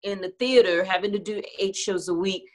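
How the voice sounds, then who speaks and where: A middle-aged singer with a medium-pitched, brisk voice talks candidly and reflectively in a casual video-call interview, laughing easily. She's in a room at home with a clothing rack, picked up by her webcam.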